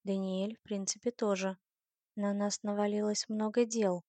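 A woman's voice: medium pitch, flat delivery, normal speed, warm tone, no echo. Woman reading a first-person novel. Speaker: audiobook narrator.

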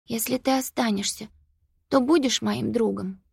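A woman reading an audiobook, voicing a young girl who begs and pleads in a high, insistent voice. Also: moderate pace, creaky, a little mellow, breathy edge, dry recording, studio quality, exaggerated voice. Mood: pleading.

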